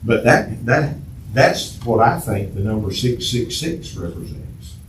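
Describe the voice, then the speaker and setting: A man's voice: medium pitch, expressive, unhurried. A man teaching a church Bible class in a conversational way, repeating himself and asking the class questions. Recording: echoey room from far off, faint noise.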